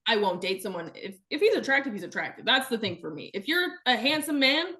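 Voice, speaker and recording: Animated young woman telling a story. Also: fairly high pitch, fast talker. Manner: animated, laughs often, acts out quotes. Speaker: podcast guest. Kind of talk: casual storytelling chat.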